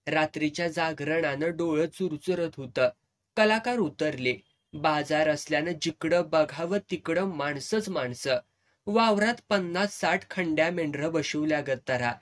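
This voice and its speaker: A man's voice: a little high, fairly bright tone. A man reading a serialized novel aloud, telling it in the first person in dialect. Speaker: storyteller.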